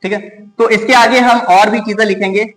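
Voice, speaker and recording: A male teacher giving an exam-prep grammar lesson, asking questions and answering them himself, repeating key words slowly. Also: high-pitched, steady tone, a bit bright, long reverb tail, low-quality recording. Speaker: English teacher.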